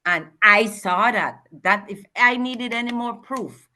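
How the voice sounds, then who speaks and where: A woman's voice: on the high side, measured pace, pushed and bright. A woman with a Belizean Creole accent, telling stories emphatically in an interview and acting out what people said. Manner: emphatic, acts out quoted dialogue. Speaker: guest, linguistics researcher and educator. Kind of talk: animated interview storytelling.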